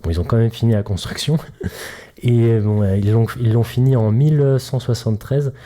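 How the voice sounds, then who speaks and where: Speaking at a moderate pace, the man has a warm, medium-pitched voice with fairly level intonation. As a mobility coach running a relaxed solo podcast, he jokes around, talks right to his audience, and uses homely comparisons to make his points.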